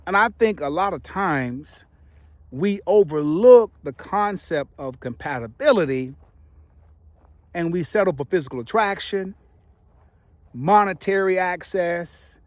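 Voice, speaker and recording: Wearing retainers that slightly hinder his speech, a middle-aged man gives playful, casual relationship tips to viewers in a high-pitched, animated voice. He's emphatic and uses dramatic pauses, and the recording is dry.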